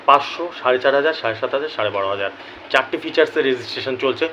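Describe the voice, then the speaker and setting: A man with a Bengali accent, hosting a lottery result channel and talking casually to his viewers, apologetic and chatty, keeps clearing his throat. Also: mid-range voice, animated, racing, bright, forceful tone, a little hiss or hum, rough recording. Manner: chatty, repeats "ঠিক আছে?", apologetic. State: throat troubling him.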